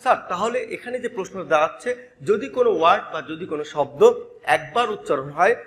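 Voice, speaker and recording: A male teacher with a high voice runs through a grammar lesson at a rapid clip. He spells words out letter by letter and keeps turning to his students to ask for their attention. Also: lively intonation, fairly bright tone. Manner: spells words letter by letter and repeats key terms; addresses students directly, prompting attention. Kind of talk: classroom-style grammar lesson.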